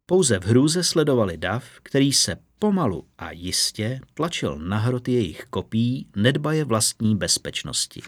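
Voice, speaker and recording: A man narrating a fantasy story in a steady, measured audiobook reading. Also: mid-range voice, no echo.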